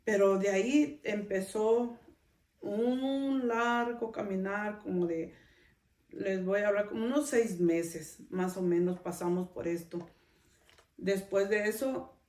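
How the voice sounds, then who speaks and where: A woman's voice: medium pitch, darkish tone, recorded from a distance. A middle-aged woman, hosting a podcast and telling a personal story in a conversational way, often adding a questioning tag to her sentences. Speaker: podcast host. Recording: roomy sound, speaker off-mic.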